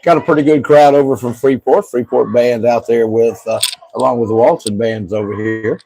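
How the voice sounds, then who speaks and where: A man with a hoarse voice calling a high school football game for local radio in a folksy, easygoing way. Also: fairly even intonation, fairly quick, mellow, slight background noise, rough recording. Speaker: play-by-play announcer.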